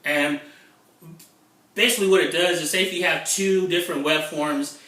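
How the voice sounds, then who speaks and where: A middle-aged man talking in a casual vlog about online marketing, excitable and rambling, often repeating himself. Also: a little high, moderate pace, distant mic. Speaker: internet marketing vlogger. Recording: echoey room, away from the mic.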